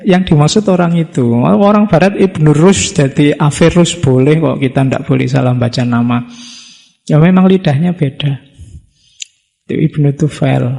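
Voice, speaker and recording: A man's voice: a little high, gravelly, warm tone. A middle-aged man with a Javanese accent giving a casual, joking religious study lecture in a mosque hall. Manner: chatty, joking asides, plainspoken. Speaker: lecturer on Islamic philosophy.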